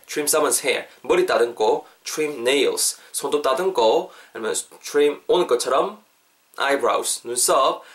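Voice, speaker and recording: A man hosting a podcast language lesson, chatty, explaining step by step and repeating phrases slowly for practice. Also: medium pitch. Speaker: host and English teacher.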